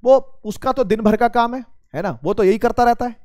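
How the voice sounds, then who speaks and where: In a brisk, conversational physics lesson, a male teacher addresses his students as "beta" and regularly asks questions only to answer them himself. His voice is rather high, with a touch of throat strain, captured close and dry with no room echo.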